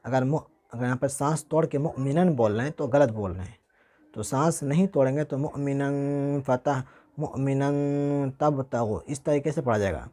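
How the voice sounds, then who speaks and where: A man teaching Quran reading, reciting each word slowly and carefully and explaining pronunciation. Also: medium pitch, warm tone.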